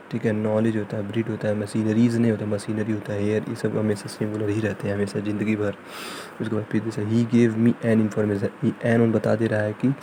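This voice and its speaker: A man teaching English grammar in a fast revision lesson, repeating points and reading English examples out slowly. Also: fairly low pitch, warm tone, a little hiss or hum, rough recording. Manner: repetitive, drilling, reads English examples slowly.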